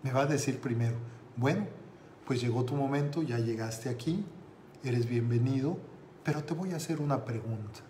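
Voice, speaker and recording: A man voicing a weeping old male lama who fears facing God, speaking slowly and sorrowfully. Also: medium pitch, warm tone, a little hiss or hum, close to an everyday voice. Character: tearful old male lama fearing judgment. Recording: roomy with faint ambience.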